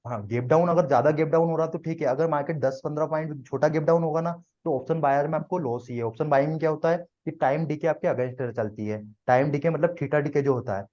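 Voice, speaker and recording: Fast-talking man teaching a live trading class. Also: a little high, mellow, muffled recording. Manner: explains step by step, often asks "है ना?".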